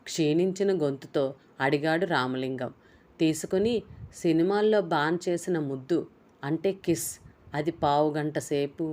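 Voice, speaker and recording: A woman with a low voice, narrating a novel at an even, steady pace. She reads the story in a plain way. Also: unhurried. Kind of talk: novel summary and reading.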